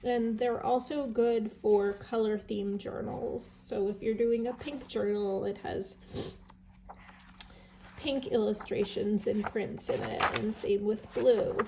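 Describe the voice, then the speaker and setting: Speaking in a steady mid-range voice, slowly and over a noisy background, a vintage seller with a stuffed-up nose chats about her estate sale book haul. It's a casual show-and-tell vlog, enthusiastic and peppered with fillers as she muses aloud.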